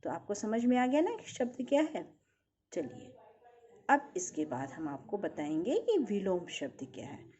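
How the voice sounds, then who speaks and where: A woman's voice: mid-range voice, big pitch swings, unhurried, mellow, breathy edge, lo-fi sound. A woman teaching a recorded primary school lesson, patiently asking and answering her own questions.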